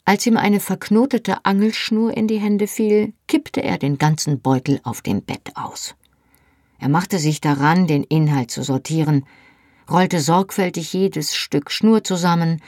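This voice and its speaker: Gravelly-voiced woman reading a novel. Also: low voice, a little mellow, no room sound, studio quality. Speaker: audiobook reader. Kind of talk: first-person novel narration.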